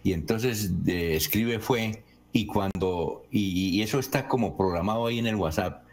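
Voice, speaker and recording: A man hosting a morning radio show, reading out listener questions and chatting with his guest in a halting, conversational way. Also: fairly low pitch. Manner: conversational, halting with restarts when asking. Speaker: radio host.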